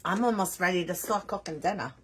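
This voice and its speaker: A woman's voice: on the low side, fast, a bit bright, slight background noise. A woman from New York with a New York accent, chatting casually with live viewers while she crafts, rambling a little and reading their names out. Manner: chatty, scattered, self-deprecating, reads viewer names aloud. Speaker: crafting livestream host.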